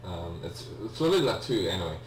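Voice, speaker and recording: This let's-play gamer is a young man who speaks Polish natively and has a Polish accent. His low voice is very animated and fast, yet his casual game commentary is hesitant, full of ums, restarts and apologies. It's recorded in an echoey room on a distant mic with a faint hum.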